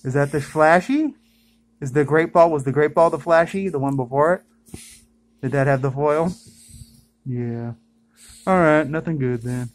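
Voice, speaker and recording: A vlogger chatting casually indoors while opening trading card packs, with excited exclamations at each good pull. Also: mid-range voice, measured pace, pauses often. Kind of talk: casual unboxing commentary. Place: indoors at home.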